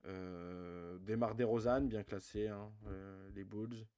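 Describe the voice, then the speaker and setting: A man co-hosting a live basketball chat show, relaxed and full of fillers as he runs through rankings. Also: lowish voice, takes it slowly, clear, resonant tone. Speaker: podcast co-host.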